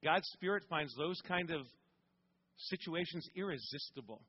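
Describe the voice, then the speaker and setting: Male preacher, high-pitched, tells stories then builds to emphatic questions; church sanctuary, muffled audio. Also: animated, normal speed, husky. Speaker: pastor. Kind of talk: sermon storytelling. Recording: dull recording with long hall reverb.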